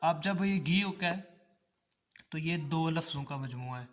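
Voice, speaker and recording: Slow, patient male language teacher. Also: a little high. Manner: patient, repeats each syllable twice. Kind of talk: slow step-by-step language lesson.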